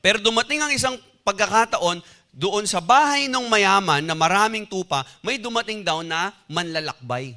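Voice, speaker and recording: A man's voice: high voice, moderate pace. A male pastor preaching a sermon in a conversational storytelling way, asking the congregation rhetorical questions. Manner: animated, mixing in English phrases.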